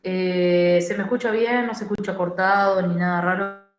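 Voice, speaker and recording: A woman doctor with a Rioplatense Spanish accent gives an online pediatrics lecture, her voice choppy and breaking up over the call, unhurried and full of "eh" fillers. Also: mid-range voice, steady tone, roomy sound. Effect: choppy, breaking-up online call audio. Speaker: pediatric doctor giving a class. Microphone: video call.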